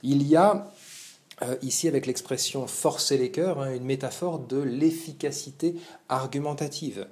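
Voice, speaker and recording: A man's voice: mid-range voice, moderate pace, a little mellow. Hesitant man explaining a poem. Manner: hesitant, many fillers and verbal tics. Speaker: literature teacher. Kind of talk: spoken text commentary lesson.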